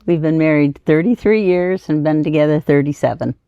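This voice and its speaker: A woman's voice: low voice, fairly quick, dry recording. Casting: plain-spoken woman, 60s, casual interviewee, close dry sound, a bit muffled. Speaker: auctioneer being interviewed.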